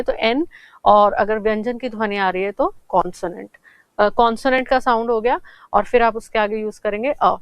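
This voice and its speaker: A woman's voice: on the high side, no room sound. Woman teaching grammar, asks then answers herself, dead dry close sound. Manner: asks questions and answers them herself, says "theek hai" often; slows down to pronounce English examples clearly. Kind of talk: classroom lesson explaining grammar.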